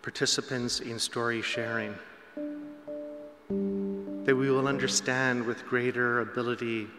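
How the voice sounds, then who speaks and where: A man leads a spoken congregational prayer at a pulpit microphone. He speaks in a measured, solemn way. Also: mid-range voice, flat delivery. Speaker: prayer leader. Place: chapel. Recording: echoey chapel hall with loud guitar.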